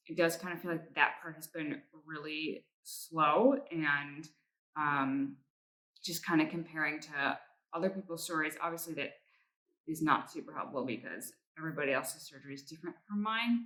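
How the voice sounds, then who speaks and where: A woman's voice: low voice, sharp tone, poor audio. A woman vlogger giving a casual personal update in a reflective, somewhat hesitant way.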